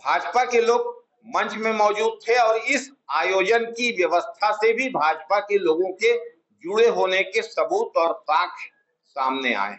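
Middle-aged man, high voice, formal press-statement delivery, measured and insistent, lapel mic indoors. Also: expressive, a bit bright, lo-fi sound. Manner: measured, emphatic, repeats key words for stress. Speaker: Congress party spokesman at a press conference. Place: small office room, indoors. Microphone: clip-on lapel mic, table of press mics.

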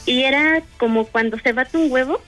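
Woman telling her spooky story, kinda high voice, keeps stumbling and restarting, faint music behind. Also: normal speed, fairly bright tone, poor audio. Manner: hesitant, many fillers and restarts. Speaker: guest telling a paranormal story. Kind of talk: casual storytelling.

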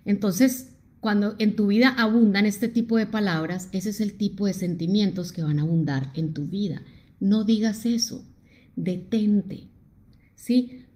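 A woman's voice: mid-range voice, a little slow. A middle-aged woman from Colombia with a Colombian accent, hosting a live-streamed motivational talk, emphatic and addressing her viewers directly. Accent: Colombian Spanish. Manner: animated and emphatic, reads out viewer comments and talks to them directly.

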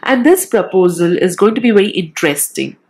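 A woman's voice: mid-range voice, animated, fairly quick, darkish tone. Nasal woman with a cold. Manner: reassuring check-in tags like "all right", "okay". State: has a cold. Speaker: tarot reader, channel host. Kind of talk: casual pick-a-card reading to viewers. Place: indoors, at a decorated tabletop.

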